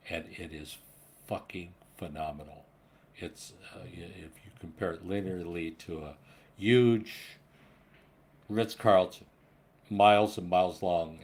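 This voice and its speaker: Older guy in his 60s, deep voice, rambling spiritual talk, earnest, swears a bit. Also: a little mellow. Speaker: spiritual vlogger.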